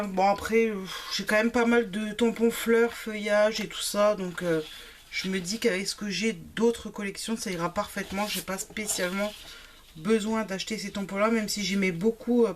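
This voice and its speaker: This craft vlogger, whose family background is Italian, walks through a shopping haul of craft products in a relaxed way, often using fillers. Her voice is mid-range, and there's slight background noise.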